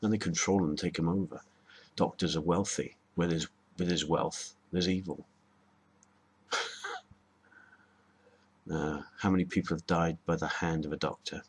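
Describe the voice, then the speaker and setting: A man's voice: low voice, steady tone, normal speed, long pauses, breathy edge. A man talking in a rambling, hesitant way, with many ums and restarts, giving a casual spoken lesson to camera. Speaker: video host.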